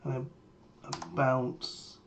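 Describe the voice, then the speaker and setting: A man's voice: medium pitch, drawn-out words. A man with a strained sore-throat voice, under the weather, giving matter-of-fact live market commentary as a trader. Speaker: trader sharing a premarket plan. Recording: steady background noise, keyboard typing.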